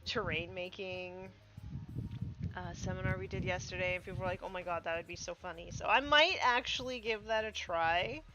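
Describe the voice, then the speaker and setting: Painting miniatures on a stream, a woman chats in a rambling, casual way, her congested voice full of "um" and "like." Her pitch is fairly low and her pace moderate, with music and other background noise behind her.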